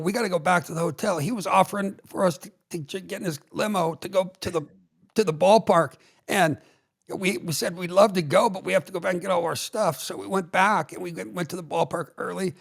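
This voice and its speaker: A man hosting a podcast, telling a story in a relaxed, loose way with fillers. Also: sits high, creaky. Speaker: podcast host. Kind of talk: casual chat.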